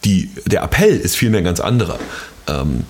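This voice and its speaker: A man co-hosting a podcast, explaining legal points in a relaxed, conversational way and often checking in with a quick "ne?". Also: low voice. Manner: conversational, explanatory, frequent "ne?" tags. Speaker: podcast co-host. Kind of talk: casual podcast discussion.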